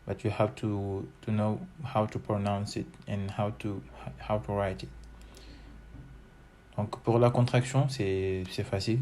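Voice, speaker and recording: A man with as his talks through an English grammar lesson very slowly, hesitating often and repeating each form. His voice sits a little low. A faint hiss runs under the recording. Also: darkish tone. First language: French. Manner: slow and hesitant, many fillers, repeats each form several times. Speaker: English teacher. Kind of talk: bilingual online lesson, switching between French and English.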